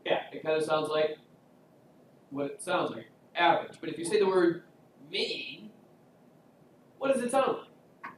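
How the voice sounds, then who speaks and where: A man's voice: a little high, lively intonation, normal speed, pauses often, recorded from a distance, slight background noise. A man teaching a statistics class in a casual, joking lecture style, quizzing his students. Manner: joking, chatty, asks class questions. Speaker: statistics instructor. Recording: echoey classroom recorded from afar.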